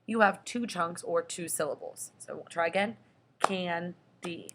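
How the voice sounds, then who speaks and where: Young woman teacher, slow and patient, lowish voice, faint background hum. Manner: slow and patient, drawing out the example words. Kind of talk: children's lesson explaining syllables.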